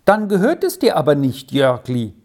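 A woman's voice: sits low, wildly swooping pitch, normal speed, darkish tone, exaggerated voice. A woman voicing a tender-hearted young goatherd boy in a storybook reading, talking in an earnest, pleading, childlike way.

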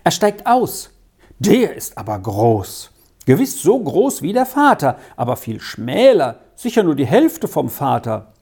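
A storybook reader voicing a cheeky, boastful fourteen-year-old boy who chatters with eager excitement. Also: mid-range voice, measured pace, slightly rough, full character voice. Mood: excited. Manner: excited, running commentary.

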